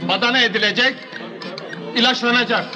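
A man's voice: very high voice, steady tone, a little fast, music in the background, crowd noise. A man playing an earnest village doctor in a film comedy, folksy and emphatic in his speech. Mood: firm, lecturing. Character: earnest, plain-spoken male village doctor.

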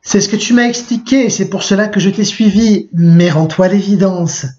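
Kate, a calm young woman arguing for her tidy world, read out by a male teacher in a fairly high voice. She sounds patient and persuasive. The recording is muffled and lo-fi. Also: moderate pace, natural voice.

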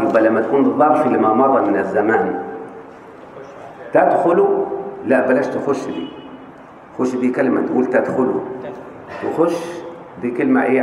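A man's voice: mid-range voice, darkish tone, slight background noise. Man, Egyptian accent, grammar lecture, quizzing students, long reverb, faint background ambience. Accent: Egyptian Arabic. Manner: questioning students, coaxing answers. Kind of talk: classroom lecture. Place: large mosque hall. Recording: echoey hall with faint ambience.

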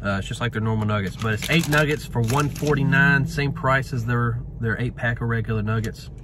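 A man's voice: medium pitch, fairly quick. Man's casual review, noisy car cabin. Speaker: food review vlogger. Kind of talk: casual food review to camera. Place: inside a car. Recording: in a car with clear vehicle noise.

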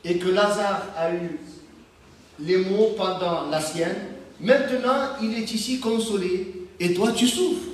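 A man preaching a sermon as pastor, emphatic, swinging between loud calls and hushed asides. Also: high voice, slow pace, a little hiss or hum. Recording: very echoey, from far off the mic.

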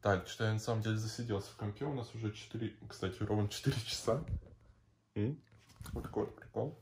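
A man's voice: on the low side, quick pace, a little mellow. A young man chatting casually and slangily in a rambling video diary. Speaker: vlogger. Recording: faint background noise with clicks.

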